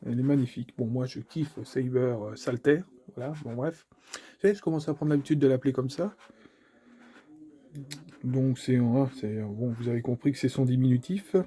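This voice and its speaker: A man's voice: mid-range voice, moderate pace, mellow. A man presenting a collectible figure at home in a rambling, self-mocking way, repeating his words. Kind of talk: casual unboxing chat. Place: home room, family heard in the background.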